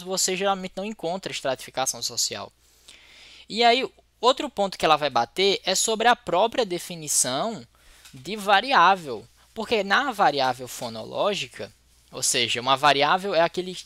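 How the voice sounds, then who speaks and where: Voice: medium pitch, sharp tone, no room sound, clean studio sound. A teacher with a Brazilian Portuguese accent giving an explanatory lecture, thinking aloud and restarting words mid-sentence.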